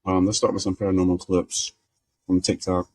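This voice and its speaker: A man hosting a show in a relaxed, rambling, self-deprecating way, talking while eating candy with a toothache. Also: low-pitched, brisk, low-quality recording. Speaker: podcast host. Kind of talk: casual chat.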